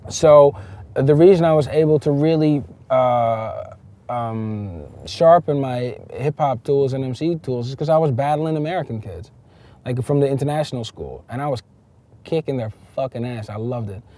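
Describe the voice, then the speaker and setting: A man's voice: medium pitch, moderate pace, mellow. A man, a rapper raised in the Netherlands, talking casually in an interview, emphatic and loose, with many fillers and restarts.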